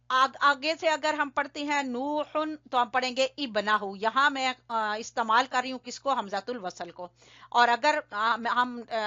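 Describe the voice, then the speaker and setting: A woman teaching Quran recitation, patiently explaining step by step, checking understanding and slowly chanting examples. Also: fairly high pitch, sharp tone. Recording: dull lo-fi audio.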